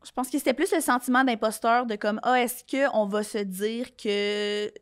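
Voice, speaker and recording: A woman's voice: a little high, fairly even intonation, moderate pace, clean tone, no echo, studio quality. A young woman with a Quebec French accent chatting informally as an interview guest, mixing in slang and English words. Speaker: podcast guest, comedy performer. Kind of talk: casual conversational interview.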